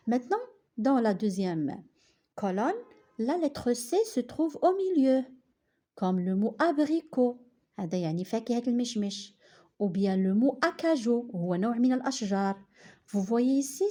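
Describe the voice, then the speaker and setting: A woman, a primary teacher giving a remote lesson, explaining slowly and patiently step by step. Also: fairly high pitch, mellow. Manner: slow, patient, explains step by step, mixes in Arabic.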